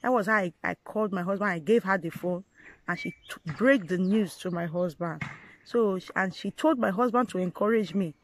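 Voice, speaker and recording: A woman's voice: medium pitch, a little hiss or hum, rough recording. Earnest woman telling her own story. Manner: halting, repeats and restarts phrases; earnest, addresses viewers directly. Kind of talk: personal storytelling to camera.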